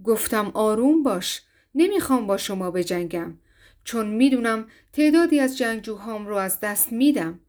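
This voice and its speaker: A woman voicing a stern, commanding male Viking chief in a storybook reading, speaking low and firm. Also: expressive, darkish tone, close to an everyday voice.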